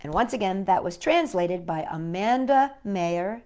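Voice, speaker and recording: Reading a picture book to young listeners, a woman mixes in chatty, playful asides and lots of questions as storytime host. Her mid-range, darkish voice is expressive and unhurried.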